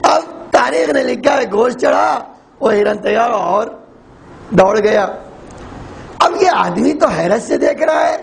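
A man preacher telling a moral story to his listeners with dramatic, swooping delivery and sudden shouted lines. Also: sits high, expressive, vocal fry, slight background noise, low-quality recording. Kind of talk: sermon storytelling.

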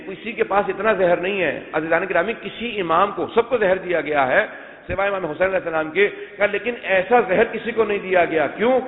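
The speaker is a Shia preacher, a man with a high voice, delivering an emotional mourning sermon in which he tells old narrations and keeps turning to the congregation. A long hall reverb surrounds him, and the audio is thin and tinny like a phone line.

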